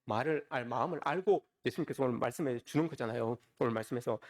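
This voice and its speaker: At a church service, a male pastor with a mid-range voice preaches his Sunday sermon at a quick pace. He keeps addressing the congregation with rhetorical questions.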